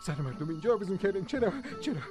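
A man's voice: high voice, animated. A man dubbing a jittery, easily frightened young man who repeats himself nervously in a drama. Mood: panicky. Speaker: dubbing actor. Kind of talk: dubbed drama acting. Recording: music score behind dialogue.

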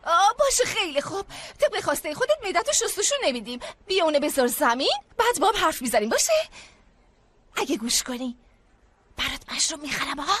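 A very high-voiced, bossy psychiatrist. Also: female voice, very animated, a bit bright. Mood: persuasive. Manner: soothing to patients, commanding to staff. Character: brisk, bossy female hospital psychiatrist. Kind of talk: dubbed drama acting.

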